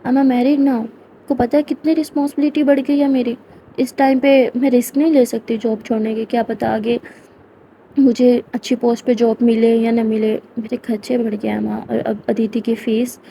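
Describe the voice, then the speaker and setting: A woman plays a devoted young working woman in a spoken storybook, speaking softly and tenderly. The voice is dark and gravelly, and a faint hiss sits behind it. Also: on the high side, little pitch movement, normal speed, rough recording. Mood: earnest. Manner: soft and tender, quiet.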